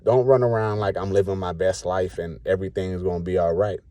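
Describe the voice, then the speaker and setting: Late-30s male vlogger, blunt and preachy, dark mellow voice, dry recording. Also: low voice, fairly even intonation, fairly quick, no echo. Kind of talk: casual rant to camera.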